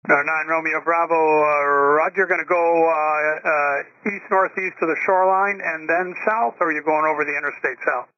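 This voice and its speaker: A man working as an air traffic controller, giving insistent, somewhat halting instructions to pilots over the radio. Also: fairly high pitch, steady tone, no room sound. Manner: insistent, halting with repeated starts. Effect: radio transmission. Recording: dry, muffled radio transmission.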